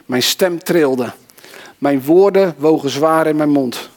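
A man's voice: on the high side, slow pace, darkish tone. Peter, a man playing a remorseful apostle. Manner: confessional first-person telling. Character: remorseful male apostle, adult, once impetuous. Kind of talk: dramatic monologue in a sermon.

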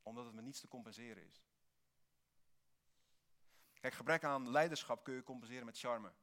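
A man's voice: medium pitch, moderate pace. Dutch-speaking man preaching a sermon. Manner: earnest, with sudden lively emphasis. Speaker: pastor.

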